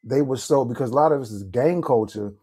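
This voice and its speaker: A man's voice: mid-range voice, a little fast, mellow, breathy edge. A man co-hosting a casual podcast, talking in long rambling runs with restarts and "you know what I'm saying". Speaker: podcast co-host. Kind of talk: casual group chat.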